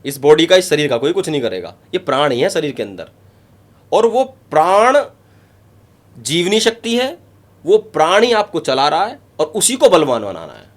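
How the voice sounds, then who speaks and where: A man's voice: fairly high pitch, very animated, moderate pace. A man, a yoga guru, explaining breathing exercises step by step in an interview, emphatic and repetitive. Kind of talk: instructive interview talk.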